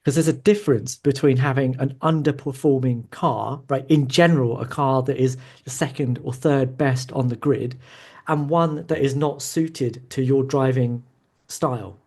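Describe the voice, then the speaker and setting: A man hosting a sports talk show, speaking at a middle pitch. He reasons step by step in an insistent, analytical way, often asking for agreement. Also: moderate pace, a little mellow. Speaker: show host. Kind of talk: heated sports debate.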